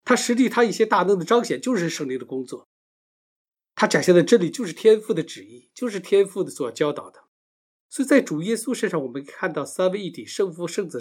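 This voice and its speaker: A man's voice: sits high, breathy edge. A man giving a Bible teaching lecture, explaining step by step and often asking and answering his own questions.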